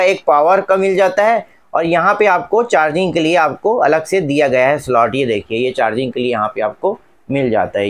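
High-voiced man narrating a gadget unboxing. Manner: chatty, repetitive, addresses viewers as friends. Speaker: tech reviewer. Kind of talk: casual product unboxing narration.

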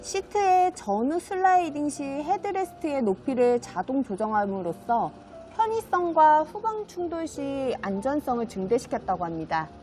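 A woman's voice: high voice, very animated, normal speed, mellow, faint music behind. A woman used car dealer giving a polished, polite, promotional sales narration as she presents a car.

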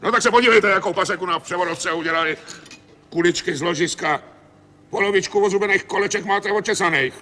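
A sarcastic machinery expert in a 1980s TV drama, scolding and sharp-tongued. His voice is bright and tense, set a little high for a man.

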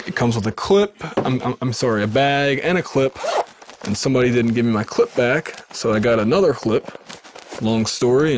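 A sibilant, mid-range voice belongs to a thirty-something home recording host showing off his equipment in a small wood-paneled room. He's casual and keeps restarting his sentences. He's recorded on an off-camera studio dynamic mic, with slight background noise.

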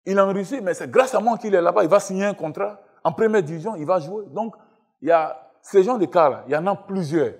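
Emphatic husky man from Burkina Faso. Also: sits high, fairly quick. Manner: emphatic, insistent, repeats himself. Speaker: guest footballer. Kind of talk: talk show guest interview. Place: television studio with live audience.

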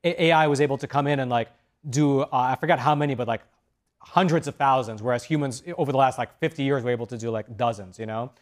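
A man's voice: medium pitch, fast talker. A young man on a TV studio panel who talks in a rambling way, with many restarts, on a lapel mic.

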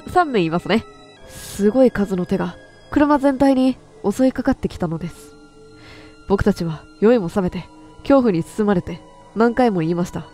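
A woman's voice: mid-range voice, darkish tone. A woman playing a horror game and reading its stories aloud, chatty, quipping at herself and stumbling over words as she goes. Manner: chatty, talks to herself and quips at the text; frequent self-corrections and stumbles while reading. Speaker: game streamer.

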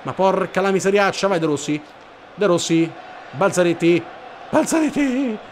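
Gaming youtuber, male, animated and teasing, slight background hiss. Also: high voice, moderate pace. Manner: excitable, shouting and laughing, teasing. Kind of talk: excited live gameplay commentary.

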